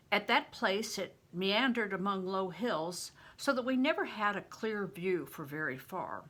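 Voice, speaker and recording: With a medium-pitched, sharp-toned voice, this older woman reads a story aloud like a grandmother would. She explains it casually as she goes and asks her listeners questions.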